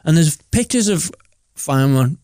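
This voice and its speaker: A man's voice: on the high side, lively intonation, normal speed, mellow, clean tone, dry recording, clean studio sound. A man with a Liverpool accent co-hosting a podcast, telling rambling, sweary stories in casual chat. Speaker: podcast co-host.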